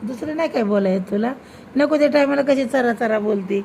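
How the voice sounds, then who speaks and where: A woman's voice: a little high, brisk, gravelly, noisy background. A woman filming a home vlog, chatting casually and scolding with teasing questions. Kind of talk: casual home video chat.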